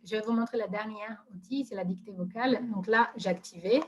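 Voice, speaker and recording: A woman presenting software in a live webinar, talking casually with many hesitations and fillers. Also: mid-range voice, brisk, slight background noise.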